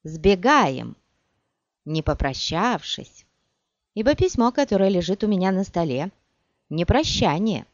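A woman voicing a proud, scornful sorceress who speaks in a sharp, biting, mocking way, in an audiobook. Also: on the low side, sing-song, a little slow, long pauses, no room sound, voice pushed up. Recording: dull dry recording.

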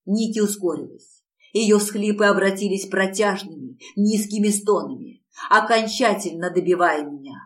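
A woman reading a first-person romance audiobook in a soft, intimate, unhurried way. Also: medium pitch, low-quality recording. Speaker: audiobook narrator.

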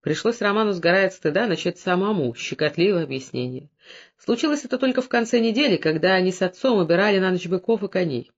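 A narrator reads a novel aloud in a steady, even storytelling manner. The recording is dull and lo-fi, with a medium-pitched voice. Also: quick pace. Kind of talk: scripted audiobook narration.

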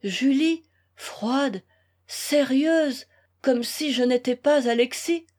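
A woman's voice: high-pitched, slow, darkish tone. A woman reading a desperate young man who passionately pleads with the girl he loves, in a storybook reading. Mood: anguished.

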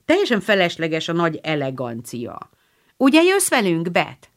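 A woman reading an audiobook, voicing an eager, tomboyish teenage girl in a lively, exclamatory way. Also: fairly low pitch. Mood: breezy.

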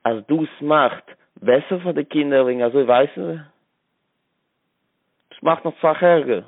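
A man's voice: a little high, unhurried, creaky, no echo. Man calling in on a tinny phone line. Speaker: caller. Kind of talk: phone-in talk.

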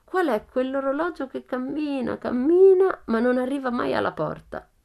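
A woman voicing a cheeky, fearless little girl who talks calmly and teases playfully. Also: sits high, moderate pace, gravelly, voice pushed up, full character voice. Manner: calm, matter-of-fact, playfully teasing.

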